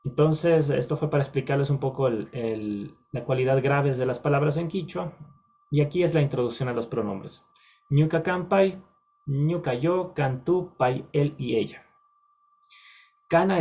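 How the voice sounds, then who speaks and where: A man explains a language lesson to the camera at a patient, steady pace, often pausing on fillers and correcting himself mid-word. His voice sits at a middling pitch for a man. The audio is dull and slightly lo-fi. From Ecuador. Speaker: language teacher. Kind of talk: recorded video lesson.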